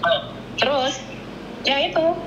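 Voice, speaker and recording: A woman's voice: sits high, very animated, takes it slowly. Woman in her 40s, rambling storyteller, echoey room, muffled noisy recording. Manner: meandering, acts out quoted voices, repeats "Miss". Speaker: interview guest, former domestic worker. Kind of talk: casual storytelling interview. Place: small home room.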